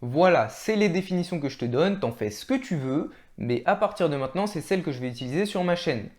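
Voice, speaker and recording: A man's voice: fairly high pitch, lively intonation, fairly quick, a little mellow. A man, a fitness video creator explaining training vocabulary in a casual, chatty way and laughing at himself now and then. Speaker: fitness YouTuber.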